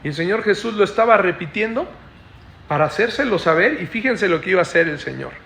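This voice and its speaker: A man preaching a Bible study sermon, explaining slowly and repeating phrases while he keeps checking in with his listeners. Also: sits high, animated, creaky, fairly bright tone, slight background noise. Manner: keeps adding questioning "¿no?" tags to the listeners. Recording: echoey room.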